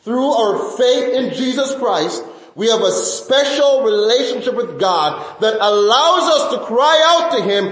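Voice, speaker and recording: A man's voice: very high voice, expressive, measured pace, a bit bright. A man preaching a sermon to his congregation in earnest, repeating key phrases, with many fillers and restarts. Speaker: pastor. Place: church sanctuary. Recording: echoey church hall.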